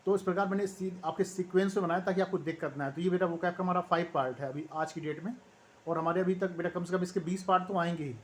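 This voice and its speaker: A man with a fairly high voice and an Indian accent teaches vocabulary. He rattles off lists of English words and addresses his students fondly. Faint background noise sits under the recording. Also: steady tone, fast. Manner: rattles off word lists, calls students "beta". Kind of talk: vocabulary lesson.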